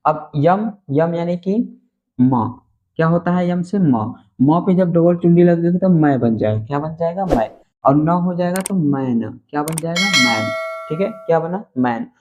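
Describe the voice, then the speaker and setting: Mellow-voiced man with a Hindi accent teaching phonics. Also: on the high side, animated. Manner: spells out letters slowly, repeats answers with "ठीक है". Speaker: English teacher. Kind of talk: phonics lesson for beginners.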